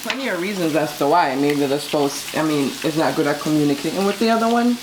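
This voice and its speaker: A woman with a notably low voice chats casually as co-host of a cooking vlog. She is opinionated and conversational. Food fries and sizzles audibly behind her. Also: lively intonation, fast, noisy background. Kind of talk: casual relationship chat while cooking. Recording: loud sizzling food close by. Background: frying and sizzling on a grill.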